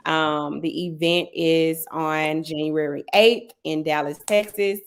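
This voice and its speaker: A woman's voice: sits low, fairly even intonation, slow pace. A woman hosting a casual livestream promotion, chatty and urging listeners on, repeating words for emphasis. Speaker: livestream host, event organizer. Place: remote live video stream.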